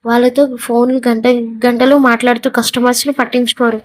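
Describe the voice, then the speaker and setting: A woman reads a serialized romance story aloud as its narrator. Her voice is fairly high, and she keeps a flat, steady tone with little melody. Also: brisk.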